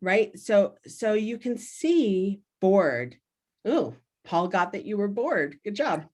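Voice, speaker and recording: A woman facilitating a workshop over a video call, energetic, often checking in with "right?". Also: medium pitch, slow pace. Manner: energetic, frequently asks "right?".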